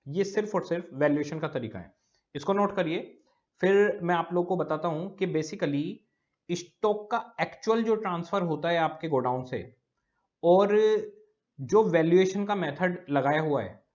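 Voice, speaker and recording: Lo-fi recording of a slow-explaining male teacher. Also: on the high side. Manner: explains slowly, repeats key words, checks understanding. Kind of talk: recorded classroom lecture. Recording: dull lo-fi lecture recording.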